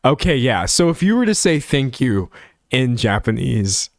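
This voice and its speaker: A young streamer from San Antonio, Texas, with a Texan American accent speaks in a mid-range, very animated voice, unhurried and with vocal fry, in studio-quality sound with no room tone. He chats casually on his livestream, reading chat comments, rambling, poking fun at himself and laughing often.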